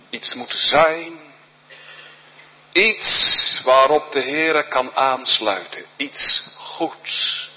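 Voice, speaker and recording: A man's voice: a little high, breathy edge, lo-fi sound. A man preaching a sermon as a pastor, speaking earnestly with rhetorical questions and short repeated phrases.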